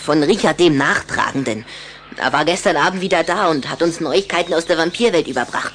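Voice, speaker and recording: A woman's voice: low-pitched, fairly quick, fairly bright tone, slight background noise. A woman playing a boastful, touchy little boy vampire in a children's audio drama, with a mocking, giggly manner. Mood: sulky, confiding.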